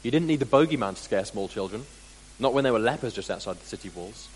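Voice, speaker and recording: A man preaching a sermon as dramatic storytelling, deliberate and full of pauses, with sudden drops into quiet, in a large hall. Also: fairly low pitch, animated. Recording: long hall reverb, faint hum.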